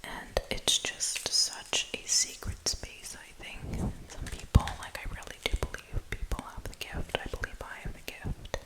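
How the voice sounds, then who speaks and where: A woman esthetician whispering casual ASMR chat, rambling with lots of filler words in a breathy unvoiced whisper. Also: a little slow, hardly any pauses, poor audio.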